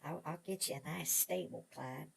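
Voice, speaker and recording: Gravelly, stammering old Western prospector. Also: male voice, a little high, moderate pace, a bit bright, exaggerated voice. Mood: eager, rambling. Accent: American Old West drawl. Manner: rambling, stammering, repeats words, chuckling old prospector talk. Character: excitable old male prospector, newly rich, chatty. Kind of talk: Western audio drama acting.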